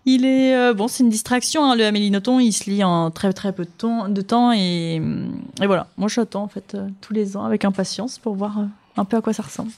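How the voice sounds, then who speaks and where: A woman's voice: medium pitch, fairly even intonation, a little fast, a little mellow. A woman presenting books in a casual chat, talkative with frequent fillers and easy laughter. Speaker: book reviewer on a radio show. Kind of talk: casual book chat and reading aloud.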